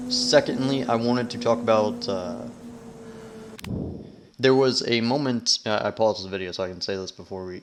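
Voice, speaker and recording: A man giving casual, rambling gaming commentary, haltingly trailing off mid-thought, with whistling S sounds. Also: on the low side. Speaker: video game let's player. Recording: noticeable background noise, sensitive mic.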